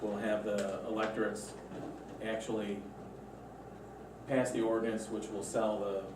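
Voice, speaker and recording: A man's voice: lowish voice, little pitch movement, a little slow. A man explaining procedure as an adviser in a formal board meeting discussion, recorded in an echoey room. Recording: echoey meeting room, distant mic, background noise.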